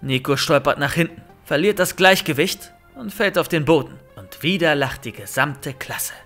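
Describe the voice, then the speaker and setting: A man reading a first-person horror story aloud in an expressive, lively storytelling manner. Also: fairly high pitch, normal speed. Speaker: narrator. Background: faint music.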